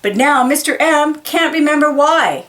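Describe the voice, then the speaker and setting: A woman with a high-pitched, animated voice and a fairly bright tone reads a children's picture book aloud. She goes slowly and deliberately, stressing key words carefully and explaining them simply for young listeners.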